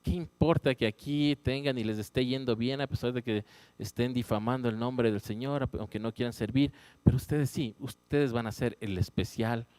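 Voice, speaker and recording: A man teaching a Bible study in a church, animated and conversational, often checking in with his listeners. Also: mid-range voice, moderate pace, dry recording. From Ecuador. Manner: animated, rising emphatic exclamations; conversational, frequent "¿sí?" check-ins. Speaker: pastor.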